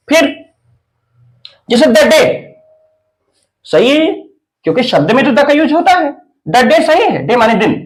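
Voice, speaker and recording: A man's voice: extremely high pitch, poor audio. A man teaching English grammar in Hindi, working through examples and asking the listener rhetorical questions. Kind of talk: classroom-style grammar explanation.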